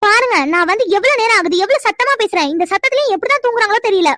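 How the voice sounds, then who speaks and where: A woman's voice: very high-pitched, expressive, rapid-fire, pushed and bright, no echo, clean studio sound, heavily acted. A woman voicing a cheerful, eager young village girl in a cartoon, chatty and sweet. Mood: pleading. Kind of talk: cartoon voice acting.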